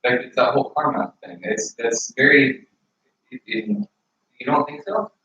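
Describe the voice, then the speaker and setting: A man's voice: medium pitch, animated, normal speed, sharp tone, distant mic. A man rambles earnestly through a casual argument, often restarting his sentences. He sits well back from the mic in a very echoey room, and the sound is dull with faint noise underneath.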